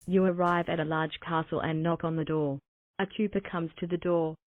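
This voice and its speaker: A synthetic female voice narrating a text adventure story in an even, mechanical way. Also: mid-range voice, moderate pace, no echo. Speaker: narrator of the game's generated story. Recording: thin, phone-like dry synthetic audio.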